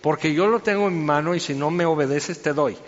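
A man's voice: a little high, a little fast, big-room sound, highs cut off. A man giving informal Bible teaching, chatty and storytelling, full of fillers.

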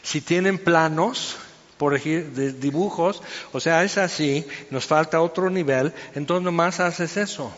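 A man's voice: a little high, a little slow, fairly bright tone, in a large hall, highs cut off. A man giving informal Bible teaching, chatty and storytelling, full of fillers.

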